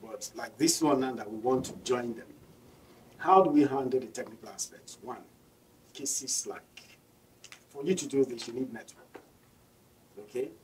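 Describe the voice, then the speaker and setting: A man hosts a radio call-in show at a middle pitch, firing repeated probing questions. He sits back from the mic, and a faint hum runs under his voice. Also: normal speed, pauses often. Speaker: radio talk show host. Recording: distant mic with faint background noise.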